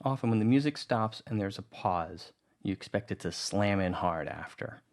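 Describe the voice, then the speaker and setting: In a music-editing tutorial, a narrator with a fairly low voice walks through each trick at a moderate pace. His tone is relaxed and conversational, as if he's thinking aloud while he explains.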